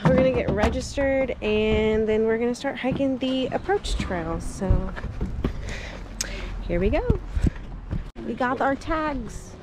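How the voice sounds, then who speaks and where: Unhurried chatty woman on a noisy handheld camera. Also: fairly high pitch, animated. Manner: chatty, touring and describing things aloud. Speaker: vlogger. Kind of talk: casual vlog narration.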